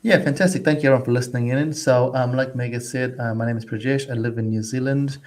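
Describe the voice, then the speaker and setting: A man in his forties from Zimbabwe, a guest advisor on student transitions, talking casually in an interview over a video call, chatty and restarting his words with quick little laughs. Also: mid-range voice, steady tone, a little mellow.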